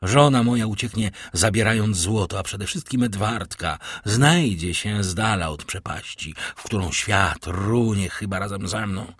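A man reading an audiobook, voicing a tormented, scheming middle-aged prosecutor who broods inwardly and later shouts in panic. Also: lowish voice, a little slow, few pauses, breathy edge, no room sound, clean studio sound. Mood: brooding. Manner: brooding inner monologue, turning to frantic shouting.

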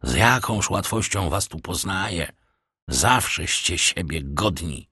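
A cold, sardonic count who lectures slowly and scornfully in a low, husky voice, as a male narrator reads him. The recording is dry and close. His lines carry a lively, sweeping pitch. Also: dry recording, full character voice. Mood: coldly scornful. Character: cold, sardonic aristocratic count, middle-aged man.

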